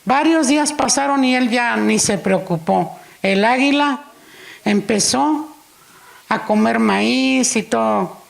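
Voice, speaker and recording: Slow, gravelly woman preacher. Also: fairly high pitch. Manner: unhurried, acts out the story's dialogue. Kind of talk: sermon storytelling. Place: church.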